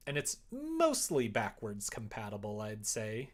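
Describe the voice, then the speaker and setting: With a fairly low voice, huge pitch swings and a measured pace, a man chats casually on a livestream as he codes a visual novel. He speaks informally and mutters to himself while working.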